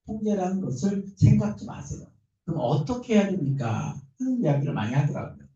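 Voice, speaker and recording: A man giving a lecture on parenting, lively and animated, acting out the parents' and children's lines as he explains. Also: high voice, fairly quick. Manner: lively, acts out parents' and kids' quoted lines. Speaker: lecturer on adolescent counseling. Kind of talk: recorded lecture. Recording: distant, echoey, muffled room recording.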